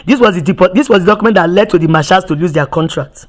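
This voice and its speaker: Speaking fast in a lowish voice, a female activist gives fervent testimony full of emphasis. Rhetorical questions come one after another, and she frequently restarts and repeats her words.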